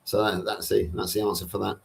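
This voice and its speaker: A middle-aged man from Somerset, England, with a nondescript Southern English accent, chats casually as a panel participant on a livestream. He answers viewers' questions in a wordy way, often rephrasing himself. His voice is fairly low, level in tone, quick, and creaky.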